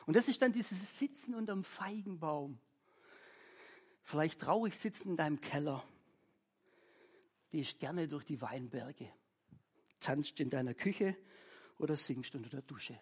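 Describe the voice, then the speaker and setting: Middle-aged preacher, husky tone, casual devotional sermon with scripture reading. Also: mid-range voice, a little slow, long pauses, a little mellow. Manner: chatty, keeps asking "ja?" of listeners; reads scripture aloud between remarks.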